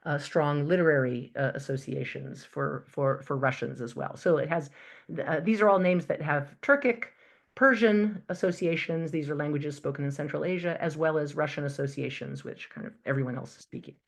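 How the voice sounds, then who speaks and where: A woman giving an academic lecture, measured and a little halting, with frequent ums and restarts. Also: low voice, vocal fry. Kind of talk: academic talk.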